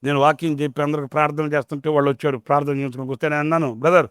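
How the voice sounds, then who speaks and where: A man's voice: fairly high pitch, level tone, rapid-fire, smooth, no echo, clean studio sound. Emphatic storytelling male pastor. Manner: emphatic storytelling with rhetorical questions. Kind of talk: sermon.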